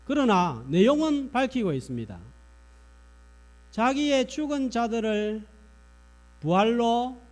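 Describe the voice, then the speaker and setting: A man preaching a sermon in a church, asking the congregation rhetorical questions. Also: sits high. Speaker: pastor.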